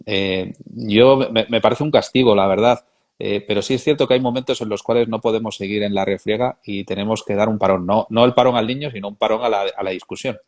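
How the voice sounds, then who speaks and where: Man, lowish voice, thoughtful, unhurried interview host. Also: fairly even intonation, darkish tone. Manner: measured, reflective, hesitant fillers. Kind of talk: conversational interview.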